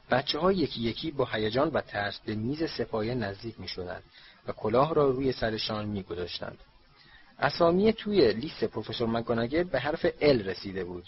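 A man with a mid-range voice reads a storybook audiobook in a steady narrating tone. The recording is dull and lo-fi.

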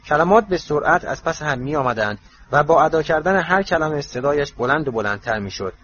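A man narrating an audiobook in an even, measured reading, in a slightly muffled recording with faint hiss. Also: on the high side. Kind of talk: scripted narration.

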